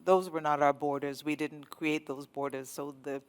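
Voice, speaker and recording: A woman's voice: low-pitched, steady tone, normal speed, clear, resonant tone. A woman from Zambia speaking on a panel, earnest and sometimes searching for words. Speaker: diplomat on a panel. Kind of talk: panel discussion.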